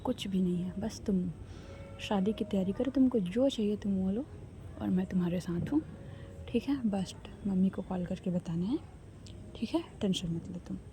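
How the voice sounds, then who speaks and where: Lady voicing a young fiancée dodging questions, smooth-talking, calm and low-key. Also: moderate pace, a little hiss or hum, natural voice. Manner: brushing off, reassuring. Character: young woman, evasive, soothing fiancée.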